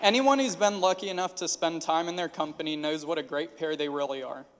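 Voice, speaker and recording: A best man in his twenties delivers a wedding toast speech in formal, prepared phrases. His voice sits a little high for a man, and it rings through a reverberant hall. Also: brisk, noisy background. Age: 20s.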